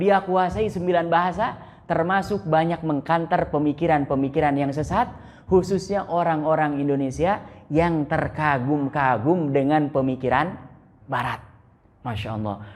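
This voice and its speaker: A male preacher delivers a casual, storytelling religious lecture, often turning to his listeners with rhetorical questions. His voice climbs high and drops low by turns. The sound rings out with a long reverb, as in a prayer hall. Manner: conversational, asks the audience rhetorical questions; swings widely between high and low pitch.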